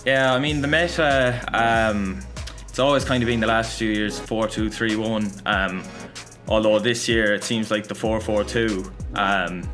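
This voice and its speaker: Young west of Ireland man, lowish voice. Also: fairly even intonation, unhurried, a bit bright. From Galway, west of Ireland. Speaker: esports player, interviewee. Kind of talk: casual interview answers. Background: music.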